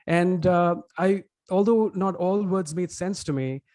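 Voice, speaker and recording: Man, Indian accent, webinar guest, slightly high voice, dry sound, rambling and thoughtful. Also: unhurried, dark tone, no echo. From India, Mumbai. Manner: thoughtful, elaborate, frequent "uh" and restarts. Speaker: podcast producer, guest. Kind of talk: webinar interview.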